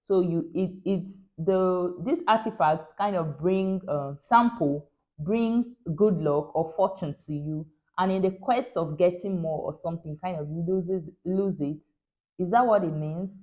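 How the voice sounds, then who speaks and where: Female reaction host, warm low voice, halting and casual, a bit lo-fi. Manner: hesitant, thinking aloud with many fillers.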